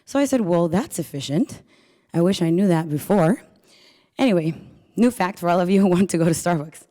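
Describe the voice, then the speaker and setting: A woman's voice: on the low side, lively intonation, brisk, dark tone. A woman from Peru giving a live workshop talk, telling stories in a chatty way and polling the audience with questions. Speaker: workshop presenter. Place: event room with a live audience. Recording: reverberant hall.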